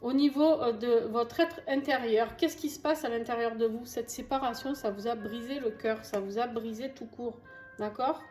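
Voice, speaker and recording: A woman's voice: on the high side, normal speed, a little mellow. A woman with a southern French accent giving a chatty, reassuring tarot reading to her viewers, with many fillers and asides. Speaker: tarot reader. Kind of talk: casual tarot reading to camera. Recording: echoey room with faint music.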